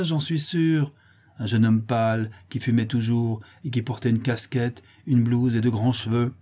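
A man's voice: mid-range voice, warm tone, voice pushed up, natural voice. A man reading the part of a vengeful widowed milkmaid, harsh and accusing.

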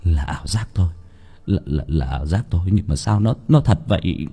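A man's voice: expressive, a little fast, warm tone, breathy edge, faint music behind, heavily acted. A man voicing a terrified young male servant who stammers and pleads with a ghost, in a horror audiobook. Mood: shaken. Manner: stammering, pleading, shrill with fear.

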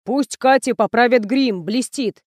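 A woman's voice: fairly high pitch, unhurried, a little mellow, no echo, clean studio sound. A woman voicing a timid male camera operator with a bad cold, who speaks through his nose. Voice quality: nasal, stuffy. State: sick with a cold.

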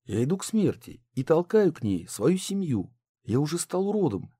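Man voicing pompous mayor, flustered, indignant, lively pitch. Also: normal speed, breathy edge, dry recording, clean studio sound. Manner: indignant, easily rattled.

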